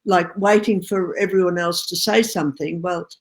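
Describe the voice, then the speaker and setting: A woman co-hosting a casual group discussion over a video call, often pausing to search for words and readily agreeing with the others. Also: fairly low pitch, fairly even intonation, rough recording. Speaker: co-host.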